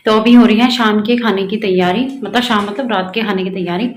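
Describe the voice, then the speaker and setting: A woman's voice: medium pitch, fairly even intonation, brisk, a little hiss or hum. A young woman from Garhwal in the hills of northern India, chatting through a home vlog with lots of fillers. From Garhwal, Uttarakhand. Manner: chatty, rambling, many fillers. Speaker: vlogger. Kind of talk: casual vlog narration. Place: home kitchen.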